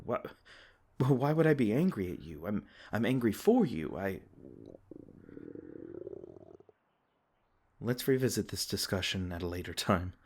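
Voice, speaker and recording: In an ASMR comfort roleplay, a man voices a gentle, protective fae king, soft-spoken and tender with an occasional stumble over his words. His medium-pitched, husky delivery is heavily acted, and the mood is apologetic.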